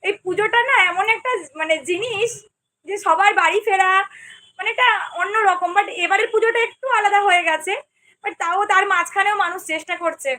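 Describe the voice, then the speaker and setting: A young woman from Medinipur, West Bengal, India, who hosts a cooking channel, chats casually on a livestream, reading viewer comments aloud and answering each person by name. Her voice is extremely high, fairly quick, bright and forceful.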